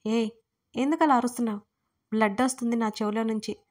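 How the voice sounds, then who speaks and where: A woman's voice: a little high, fast talker, darkish tone, close to an everyday voice. A woman reading as a teasing bossy young man. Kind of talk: storybook reading.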